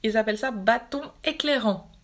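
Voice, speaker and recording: Woman, Swiss French accent, slightly high voice, casual amused unboxing chatter. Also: moderate pace, slight background noise. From Switzerland. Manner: chatty, amused, laughs often. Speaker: beauty vlogger. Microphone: phone livestream.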